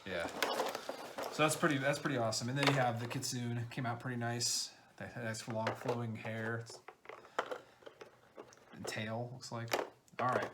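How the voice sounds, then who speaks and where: A game designer chatting excitedly through an unboxing, halting often with fillers. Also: male voice, mid-range voice, very noisy. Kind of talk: casual unboxing chat.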